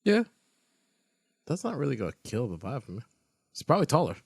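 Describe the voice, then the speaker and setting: A man's voice: medium pitch, sing-song, fairly quick, vocal fry, a little mellow, breathy edge, no echo, studio quality. A man co-hosting a podcast in casual chat, speaking bluntly and emphatically. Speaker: podcast co-host.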